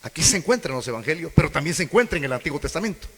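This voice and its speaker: A man's voice: a little high, big pitch swings, very fast, a bit bright, slightly rough. A man preaching a sermon, questioning the congregation and acting out quoted voices. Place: church hall. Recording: echoey church hall.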